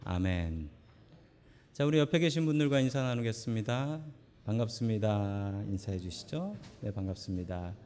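Man preaching a lively emphatic sermon. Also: lowish voice, moderate pace, a little hiss or hum. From Seoul. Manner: earnest, lively emphatic preaching with folksy asides. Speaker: pastor. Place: church sanctuary.

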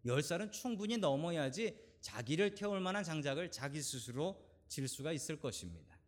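Male pastor, 40s, sermon delivery, animated pitch, slightly high register. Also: brisk. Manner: preaching with rising emphasis and direct questions to the congregation.

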